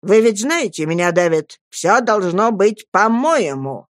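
A woman reading a story aloud, voicing a cold, domineering stepfather who speaks slowly and sternly. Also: mid-range voice, very animated, dry recording, studio quality. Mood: commanding. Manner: slow, cold, commanding.

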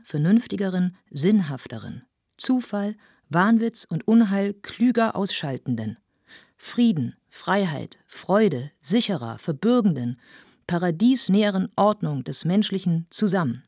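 A woman voicing a pale young man giving a lofty, convoluted speech, with a slightly husky voice. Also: lowish voice, lively intonation, unhurried, a little mellow, no echo, clean studio sound, voice pushed up. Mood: exalted. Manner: grandiloquent, convoluted, exalted. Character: pale young male orator, lofty and rapturous.

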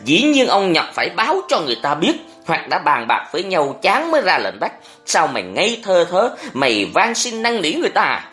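A woman's voice: fairly low pitch, very animated, moderate pace, fairly bright tone, faint music behind, voice pushed up. A narrator voicing a bitter, suspicious young mother who scolds her brother in an audiobook. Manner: scolding, reproachful. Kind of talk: audiobook character reading.

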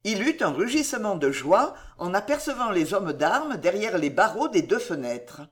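In a measured, expressive manner, a medium-pitched audiobook narrator tells the story of a historical adventure novel.

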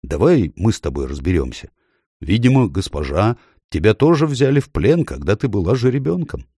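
A noble talking stallion in an audiobook, speaking in a stately, instructive manner, voiced by a man. The voice sits low but swings widely. The recording is close and dry. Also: sing-song, normal speed, mellow, breathy edge, no room sound, exaggerated voice. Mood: lofty. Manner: stately, lecturing. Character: proud noble male talking warhorse.

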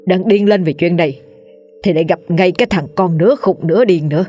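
A woman voicing a cruel, hot-tempered old village landlord who snaps gruffly. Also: on the low side, a little fast, dark tone, soft background music, natural voice. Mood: brooding.

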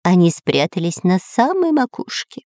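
A woman voicing an anxious, excitable male parrot servant in a storybook reading, making excuses. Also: fairly low pitch, normal speed, no echo, studio quality. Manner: fussy, justifying himself.

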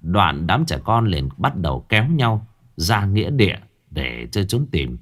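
A man narrating a ghost story in a lively, suspenseful storytelling manner. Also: sits low, unhurried. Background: faint background music.

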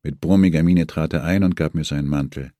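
A man's voice: very deep voice, brisk, mellow, no echo. A man reading a German novel aloud as an audiobook, telling the story expressively. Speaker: audiobook reader. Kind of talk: scripted narration.

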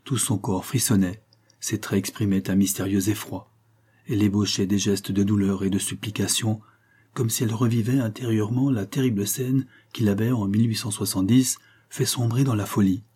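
A man narrating a novel in a measured, dramatic way. His voice is low and dark, with a very husky, breathy texture. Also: steady tone. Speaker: audiobook reader. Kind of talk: scripted literary narration.

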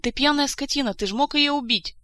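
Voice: mid-range voice, fairly quick, close to an everyday voice. A reader doing a feisty, foul-mouthed young woman. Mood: furious. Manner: shouting, swearing.

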